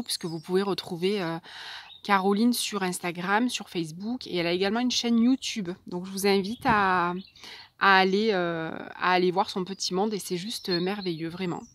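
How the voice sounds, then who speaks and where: A woman vlogger chatting casually as she unboxes a parcel, soft and hesitant, with many fillers. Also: mid-range voice, moderate pace.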